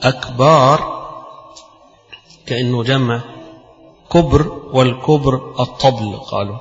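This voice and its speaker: A man with an Egyptian accent giving a religious lesson, explaining texts in plain speech and reciting quoted rulings slowly. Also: medium pitch, soft background music. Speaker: Islamic scholar teaching fiqh. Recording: roomy, long reverb, dull lo-fi sound.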